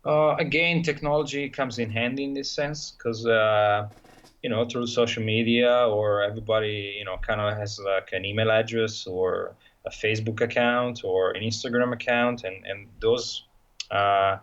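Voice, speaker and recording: A guest who rides motorcycles, this man from Italy has a fairly low, fairly even voice with a fairly bright tone and talks at normal speed over dull audio. His accented, casual answers stumble through fillers and restarts.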